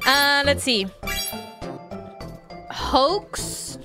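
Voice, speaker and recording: A young woman chats casually on a live stream, her slightly high voice swinging up and down animatedly as she jokes and swears with her viewers. She talks unhurriedly, while clear music plays behind her. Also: expressive, extremely slow. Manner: playful, swears and laughs often, reads chat aloud.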